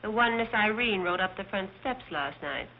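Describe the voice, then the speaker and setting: An actress playing a wry, matter-of-fact maid delivering deadpan screwball comedy banter in 1930s film style. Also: female voice, mid-range voice, moderate pace, natural voice. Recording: dull, noisy old film soundtrack.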